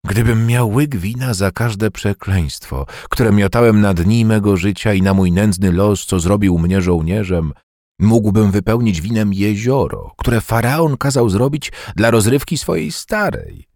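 A man's voice: on the low side, expressive, measured pace, a little mellow, no echo, clean studio sound. A man voicing a toothless, bitter old veteran. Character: bitter toothless one-armed old male war veteran. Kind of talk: audiobook character voice.

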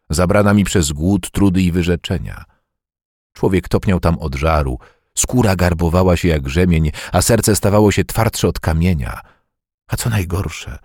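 A man's voice: deep voice, creaky, darkish tone, slightly rough, no room sound, clean studio sound, heavily acted. A man reading an audiobook, voicing a bitter, toothless, one-armed old war veteran who speaks with scorn. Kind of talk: audiobook character voice.

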